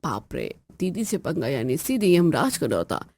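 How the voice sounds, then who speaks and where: A woman's voice: deep voice, big pitch swings, moderate pace, a little mellow, husky, no room sound, voice pushed down, full character voice. Brief: a woman playing a teasing young husband for an acted family story, light and jokey, in a dry, close recording. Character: joking young husband, easygoing.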